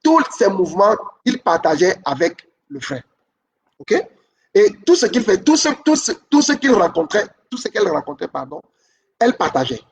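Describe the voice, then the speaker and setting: A man's voice: sits high, very animated, moderate pace, vocal fry, distant mic. A man giving a relationship coaching talk, repeating his main points and checking in with the listeners. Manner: repeats key points, asks "ok?" often. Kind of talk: teaching talk.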